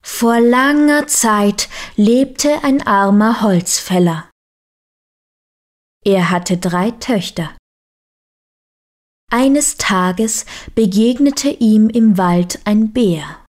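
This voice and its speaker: A woman narrating a fairy tale in a deliberate storytelling manner. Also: medium pitch. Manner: slow, deliberate reading.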